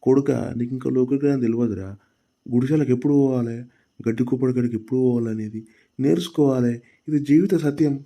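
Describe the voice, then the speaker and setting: A man voicing a lusty old village grandfather in a cartoon, speaking in a low, drawling way. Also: fast, mellow, lightly acted. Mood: scheming. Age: older. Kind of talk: cartoon voice acting.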